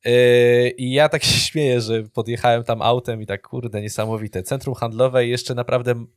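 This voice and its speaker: A young man co-hosting a casual chat, joking and animated, laughing often. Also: mid-range voice, moderate pace, clear, resonant tone, no echo, studio quality. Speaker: podcast co-host. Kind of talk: casual banter.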